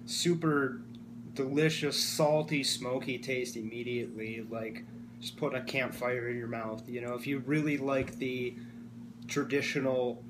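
Man, twenties, casual chat, medium pitch, indoor camera recording, clearly humming background. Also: little pitch movement, unhurried. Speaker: co-reviewer. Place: small room indoors. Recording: clear hum and background noise.

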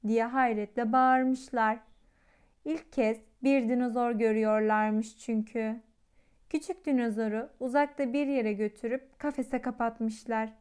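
A woman reading a children's storybook aloud, her voice a little high and smooth. She tells the tale gently, with plenty of expression for young listeners. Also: steady tone, unhurried.

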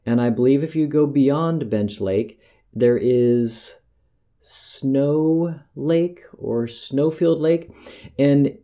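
A man's voice: medium pitch, extremely slow, mellow. A middle-aged American man talking casually about hiking in a rambling, conversational monologue, often correcting himself mid-sentence. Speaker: podcast host.

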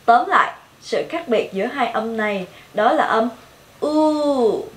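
A young woman with a Vietnamese accent teaching English pronunciation, modeling each sound clearly and repeating every word several times. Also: a little high, animated, normal speed, fairly bright tone, echoey room. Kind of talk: pronunciation lesson with repeated drill words.

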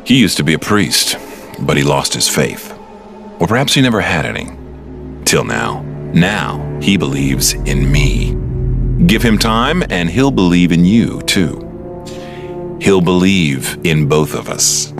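In an audio drama, an actor plays a smug, condescending criminal mastermind, his suave, theatrical delivery drawing words out. The male voice is low and exaggerated, with a commanding, sly mood.

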